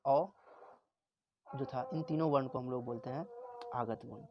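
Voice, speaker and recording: A man's voice: mid-range voice, fairly quick, lo-fi sound, a little hiss or hum. A male teacher giving a classroom lesson. He repeats words and asks the class questions, then answers them himself.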